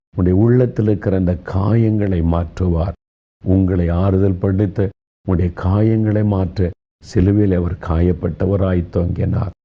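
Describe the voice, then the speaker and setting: A man preaching a devotional sermon, slow and earnest, consoling his listeners and speaking to them directly. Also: low voice, highs cut off.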